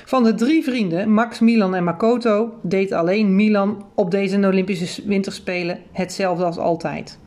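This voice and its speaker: A woman reading children's books aloud as an audiobook reader, telling the story clearly and evenly with lively emphasis. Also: medium pitch, normal speed, few pauses.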